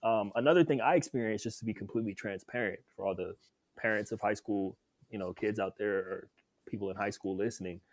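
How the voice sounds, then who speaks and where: A young former football player guests on a podcast, telling his story a little fast in a lowish voice. The casual interview has him upbeat, chatty and laughing easily, and the recording is dry.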